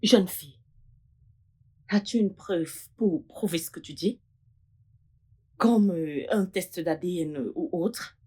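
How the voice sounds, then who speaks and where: A woman's voice: on the low side, slow, pauses often, a little mellow, breathy edge. A woman playing a sceptical family member in a dubbed film drama, probing with doubt.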